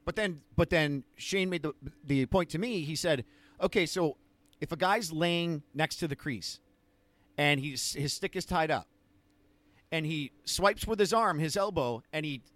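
A man's voice: fairly high pitch, a little slow, a bit bright, no room sound. A man co-hosting a postgame chat, retelling an argument with many restarts. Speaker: co-host. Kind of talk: casual chat.

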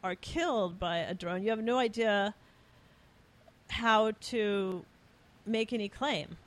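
A woman being interviewed as an author, explaining her arguments in a measured way. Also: mid-range voice. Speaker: author guest. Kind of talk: conversational interview.

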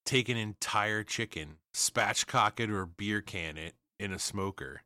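A man's voice: on the low side, a little slow, sharp tone, no room sound. A man in a casual podcast chat, describing things with blunt enthusiasm.

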